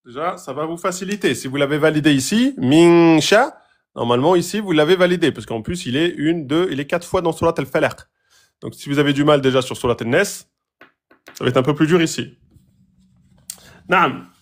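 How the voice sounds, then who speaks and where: A man teaching Quran recitation rules, patiently asking questions and repeating example words slowly. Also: on the high side. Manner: asks students rhetorical questions. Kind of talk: tajwid lesson, explaining a page.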